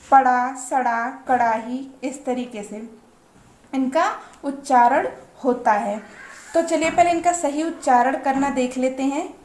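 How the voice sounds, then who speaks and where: A woman teaching parents how to pronounce the letters of an alphabet, explaining patiently and drawing out each letter sound slowly. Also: high voice, darkish tone, roomy sound. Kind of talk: slow explanatory lesson.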